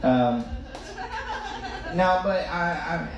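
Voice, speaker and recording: A man's voice: a little high, extremely slow, highs cut off, crowd noise. A man doing stand-up comedy storytelling, with toothless, slightly slurred articulation and an informal, self-deprecating, rambling delivery. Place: live comedy stage in a reverberant room. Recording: echoey room, loud background noise.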